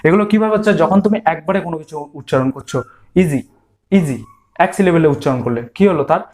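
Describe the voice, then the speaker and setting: A man's voice: fairly high pitch, expressive, very fast, a little mellow. A man teaching an online grammar lesson, drilling word forms and asking and answering his own questions.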